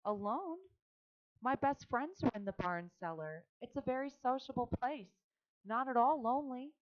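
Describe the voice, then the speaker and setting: A woman's voice: on the high side, lively intonation, moderate pace, muffled recording, pitched above the performer's own voice, lightly acted. A woman voicing an earnest, imaginative young farm girl who talks eagerly and insistently.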